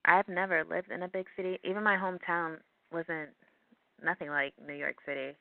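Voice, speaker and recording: A woman's voice: lowish voice, steady tone, normal speed, vocal fry, no echo. A woman from Springfield, Massachusetts, a guest on a radio interview, talking in a teasing, playful way. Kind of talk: casual interview chat. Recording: tinny phone-line audio.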